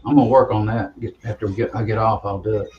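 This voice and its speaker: A man's voice: lowish voice, steady tone, quick pace, mellow. Plainspoken man on dull voice chat. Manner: plainspoken, folksy. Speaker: guest, new to live streaming. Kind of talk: casual chat and storytelling. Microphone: online voice chat.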